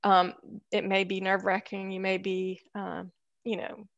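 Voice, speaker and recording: Casting: woman guest, gravelly mid-pitched voice, thoughtful, hesitant delivery. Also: completely flat delivery, unhurried, a bit bright, no room sound, highs cut off. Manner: thoughtful, many fillers and restarts. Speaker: podcast guest, architect and firm founder. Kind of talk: casual interview conversation.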